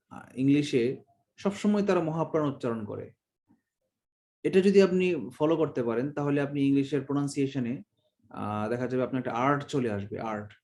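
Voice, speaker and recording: A Bangladeshi man with a voice a bit higher than most men leads an online exam-prep class. He talks in a chatty, joking way and stops to act out how words should be said. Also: a little mellow. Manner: chatty, joking, demonstrates pronunciations. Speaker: teacher.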